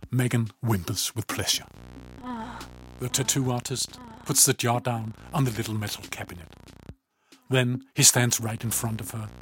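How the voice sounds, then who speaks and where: Guy narrating an audio story, calm and steady, kinda hushed. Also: medium pitch, a little hiss or hum. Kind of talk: scripted narration.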